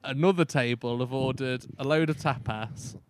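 A man's voice: mid-range voice, normal speed, a little hiss or hum. A man hosting a podcast, telling a story in casual chat and laughing often. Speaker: podcast host.

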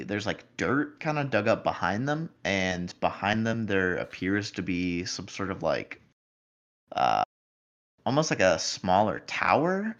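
A man's voice: low voice, a bit bright, lo-fi sound. A man narrating a tabletop game as game master, rambling with lots of fillers and restarts.

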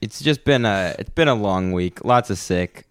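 A man with a low voice and congested sinuses hosts a casual podcast. He is laid-back and a bit complaining, recorded dry and close. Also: animated, normal speed, smooth, no echo. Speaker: podcast host. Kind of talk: casual chat.

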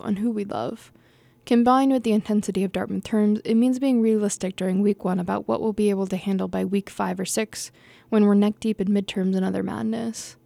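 Laughing at her own slip-ups and starting lines over, a young woman reads an essay she wrote, adding unscripted asides in a relaxed, easygoing manner. Her voice sits at an even, middling pitch with a dark, mellow tone and some vocal fry, recorded close and dry with no room sound.

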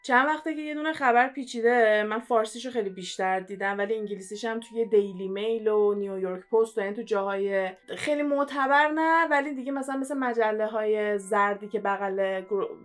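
A young woman co-hosting a casual podcast, talking quickly with lots of fillers and restarts. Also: mid-range voice. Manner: chatty, fast, many fillers and restarts. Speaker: podcast co-host.

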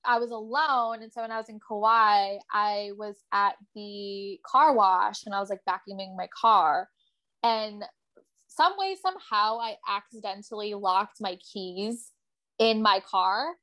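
A woman's voice: medium pitch, fairly even intonation, unhurried, bright, forceful tone. A young woman co-hosting a podcast, telling a story in casual chat with lots of filler words. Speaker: podcast co-host.

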